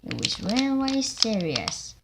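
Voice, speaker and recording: A woman reading a children's train story aloud, halting and stumbling over words. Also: a little high, huge pitch swings, creaky, very noisy. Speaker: reader.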